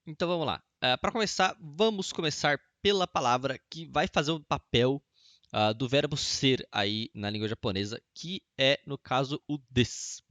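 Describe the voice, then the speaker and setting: A man's voice: medium pitch, normal speed, fairly bright tone, no room sound, studio quality. A young man giving a casual video lesson, chatty and explaining with repeated examples and little jokes. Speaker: Japanese language teacher.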